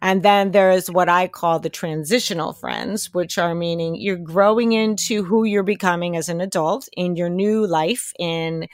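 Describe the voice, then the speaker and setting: A woman's voice: lowish voice, fairly even intonation, a little slow, few pauses, dry recording. A woman hosting a podcast interview, chatty and encouraging, who talks straight to her listeners. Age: older than her guest. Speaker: podcast host. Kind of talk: casual interview chat.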